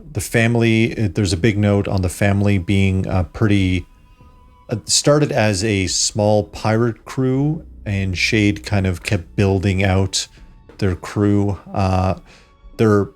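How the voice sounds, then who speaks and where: A man with a fairly low voice narrates as the game master of a tabletop role-playing game. He lays out the world in halting, improvised exposition. Faint music plays behind him. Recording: background music under the voice.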